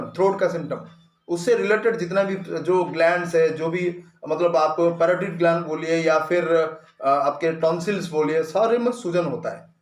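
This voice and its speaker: A man explains medicine in a patient, teacherly way, dropping English medical terms into Hindi. His voice sits a little high for a man. The room has a noticeable echo. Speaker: homeopathy doctor. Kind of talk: explanatory clinical lesson. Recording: echoey room.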